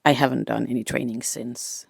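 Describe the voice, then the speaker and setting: A woman's voice: rumbling low, fairly even intonation, moderate pace, gravelly, breathy edge, no room sound. A woman chatting casually in a book vlog, self-deprecating and apologetic, filmed on a phone held at arm's length at home without an external mic. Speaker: book vlogger. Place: home, indoors.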